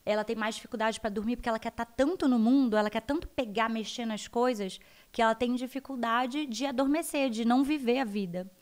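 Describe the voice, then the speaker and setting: A woman with a Brazilian accent, a guest educator explaining child development in an animated interview. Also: a little high, a little fast. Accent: Brazilian Portuguese. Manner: animated, acts out her children's voices.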